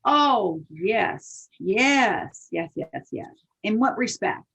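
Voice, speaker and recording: An older woman, a singer-songwriter being interviewed, talking casually in a halting way that restarts and repeats words. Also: medium pitch, big pitch swings, vocal fry, fairly bright tone, husky. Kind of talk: casual conversation. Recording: dull lo-fi audio.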